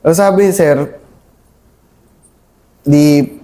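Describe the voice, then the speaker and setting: A young man, a Filipino soldier, recounts a battle in a halting interview, calling his listener sir at nearly every pause. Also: a little high, warm tone. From Philippines. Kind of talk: conversational war story interview.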